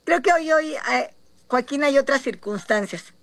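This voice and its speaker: A woman with a Mexican accent from the Guerrero coast answers questions in a broadcast interview. She speaks in a measured way and pauses often. Her voice is dry and close, with no room echo. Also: high-pitched, lively intonation, a bit bright. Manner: measured, many filler pauses. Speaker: interviewed senator and candidate.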